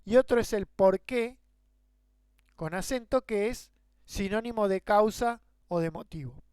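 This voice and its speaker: Rioplatense man teaching grammar, crisp and dry. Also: high voice, measured pace, darkish tone, dry recording. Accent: Rioplatense Spanish. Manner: explains with rhetorical questions and worked examples. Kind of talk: grammar lecture.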